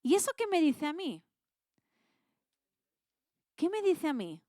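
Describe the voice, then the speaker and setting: A woman's voice: very high-pitched, very animated, slow pace, dark tone, no echo, studio quality. A woman with an accent from Spain, teaching a Bible class in a casual, colloquial way and quizzing her students with questions.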